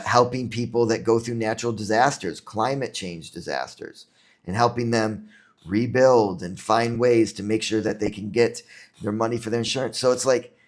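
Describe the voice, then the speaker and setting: A man from New York, an entrepreneur talking as a podcast guest in an earnest, reflective way, often repeating words as he thinks. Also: on the low side. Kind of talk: casual interview talk.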